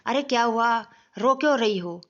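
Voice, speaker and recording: A woman's voice: on the high side, lively intonation, moderate pace, a bit bright, voice pushed up. A woman voicing a stern middle-aged mother-in-law in a storybook family tale, suspicious and scolding. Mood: questioning. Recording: dull lo-fi recording.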